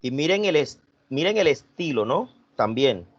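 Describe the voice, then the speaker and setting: A man's voice: a little high, big pitch swings, normal speed, slightly rough, no echo, muffled recording. A man teaching an online class, repeating himself and questioning students.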